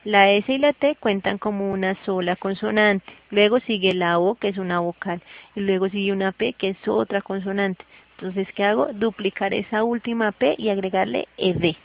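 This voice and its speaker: A woman's voice: mid-range voice, steady tone, normal speed, lo-fi sound. A woman teaching a lesson patiently, often stopping to check that her student understands. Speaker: English teacher. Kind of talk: classroom teaching.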